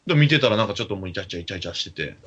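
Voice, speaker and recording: A man telling an animated story in casual chat, acting out the quotes of the people in it. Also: on the low side, rapid-fire. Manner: animated anecdote with acted-out quotes. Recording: dull lo-fi recording.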